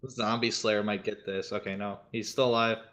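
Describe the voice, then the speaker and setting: A man's voice: fairly low pitch, flat delivery, a little fast, a bit bright. Casual game master man. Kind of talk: narrating a tabletop game.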